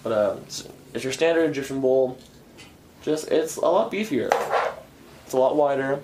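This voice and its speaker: A man's voice: mid-range voice, moderate pace. A young man giving an informal, enthusiastic product review as casual chat, picked up by a camera a few feet away indoors. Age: young adult. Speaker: hookah reviewer. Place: garage workshop, indoors. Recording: faint background room noise.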